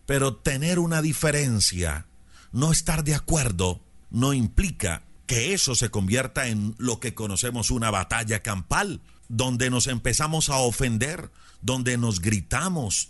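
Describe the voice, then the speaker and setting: A man teaching public speaking through a story and a lesson. His delivery is measured and explanatory, at a middle pitch with very lively intonation.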